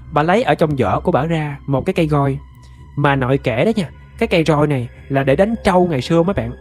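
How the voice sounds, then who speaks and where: A man with a Southern Vietnamese accent tells a ghost story in a chatty, conversational way, often speaking straight to his listeners. His voice is a little high and husky, with faint background music. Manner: chatty, addresses listeners directly. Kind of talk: spoken ghost story narration.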